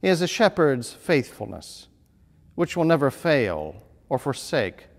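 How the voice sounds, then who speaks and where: Lively priest in a reverberant church. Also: male voice, medium pitch, creaky. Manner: measured, lively preaching with emphatic phrasing. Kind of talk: sermon. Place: small church chapel with stone wall. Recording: long reverb of a church hall.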